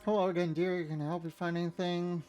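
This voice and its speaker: A man's voice: high voice, little pitch movement, quick pace, a little mellow, soft background music, pitched above the performer's own voice, close to an everyday voice. A man voicing a fussy, motherly female librarian who calls people dearie, sweet but nervous. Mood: sweet, prim.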